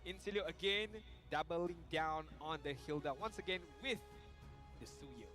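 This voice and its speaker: A male esports caster walks through picks and win rates in a measured, analytical way. His voice sits slightly high, and faint music plays in the background. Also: sharp tone. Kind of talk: esports draft commentary.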